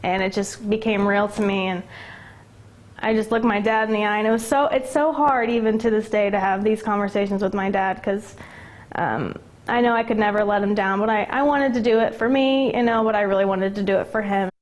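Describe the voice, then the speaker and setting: A woman's voice: medium pitch, brisk. A young woman in her twenties, a former college basketball player, speaking candidly and emotionally in an interview, with lots of "like" and "um". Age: 20s. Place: indoor gym locker room.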